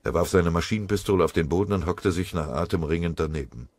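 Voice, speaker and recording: Deep, husky male audiobook narrator. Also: a little mellow, no room sound. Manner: grave, measured. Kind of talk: scripted war story narration.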